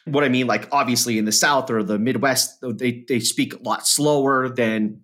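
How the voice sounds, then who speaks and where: A man's voice: medium pitch, fairly even intonation, normal speed, fairly bright tone. A middle-aged man from Pennsylvania co-hosting a podcast in casual chat, easygoing, laughing along and explaining things at length. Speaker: podcast co-host.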